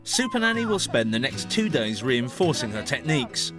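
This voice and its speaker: Lively British man narrating over music. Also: medium pitch. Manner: measured, storytelling. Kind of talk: scripted documentary narration. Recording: music under the voice.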